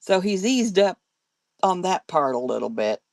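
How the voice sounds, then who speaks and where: A woman's voice: lowish voice, very animated, unhurried, dry recording. An older woman, a grandmother, chatting casually on a live stream, laughing often and answering viewer comments as she talks. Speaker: live-selling host.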